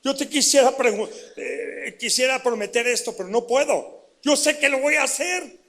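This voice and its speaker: A man's voice: very high voice, normal speed, a bit bright. A middle-aged man with a Mexican Spanish accent, a pastor telling his own story in a sermon and often putting questions to the congregation. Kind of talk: sermon testimony.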